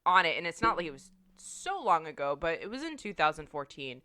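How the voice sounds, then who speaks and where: Low, bright-toned woman rambling in chat. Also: big pitch swings, a little fast, smooth, no echo, studio quality. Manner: rambling, full of "like" and "you know". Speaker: podcast co-host. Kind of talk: casual chat.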